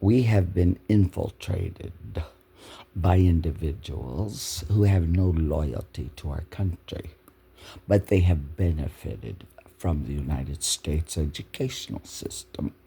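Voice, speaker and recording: A man's voice: deep voice, slow, creaky, dark tone, slightly rough. A man giving indignant commentary over news clips, repeating phrases for emphasis. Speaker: political commentator.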